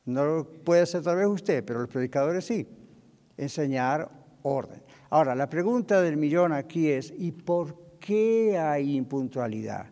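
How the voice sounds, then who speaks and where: A man's voice: a little high, expressive, measured pace, warm tone, long reverb tail. An older man preaching a sermon as pastor, telling stories emphatically and acting out the dialogue.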